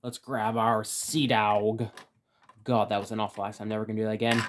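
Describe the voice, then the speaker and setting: A man's voice: fairly low pitch, level tone, brisk. A man giving a casual, rambling review of a toy set from his room, full of fillers and restarts.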